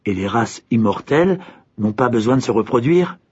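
A man puts on a serene, immortal mermaid from a storybook. Her lines come light and smiling, a little higher, yet husky. The recording sounds dull. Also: lively intonation, moderate pace, a little mellow.

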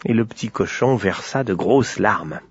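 A man reading a children's tale aloud, lively with playful asides. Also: lowish voice, moderate pace, slightly rough, no echo. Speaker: storyteller. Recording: dry, slightly dull lo-fi recording.

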